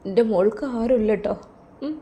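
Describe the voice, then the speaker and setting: A woman's voice: mid-range voice, fairly quick, breathy edge. A woman voicing a frail, tearful old father. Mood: pleading. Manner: soft, pleading, tearful.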